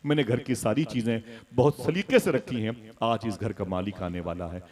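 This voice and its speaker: A man's voice: fairly low pitch, moderate pace. Impassioned male preacher, dramatic storytelling. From India. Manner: dramatic storytelling, swelling to loud cries; leads the crowd in call-and-response. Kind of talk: impassioned religious sermon.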